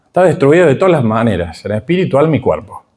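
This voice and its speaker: A middle-aged man with a Rioplatense accent gives a Bible class lecture in a warm, mellow voice at a mid pitch. He speaks with emphasis and keeps asking his listeners rhetorical questions. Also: big pitch swings, fast talker. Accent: Rioplatense Spanish. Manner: emphatic, checks in with the audience through rhetorical questions. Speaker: Bible teacher.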